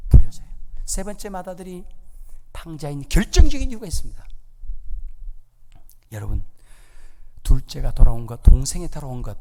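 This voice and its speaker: Male pastor preaching, highish voice that jumps all over, acts out the story, big echoey church hall. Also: warm tone. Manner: dramatic storytelling with acted dialogue. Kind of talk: sermon. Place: church sanctuary. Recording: long church hall reverb.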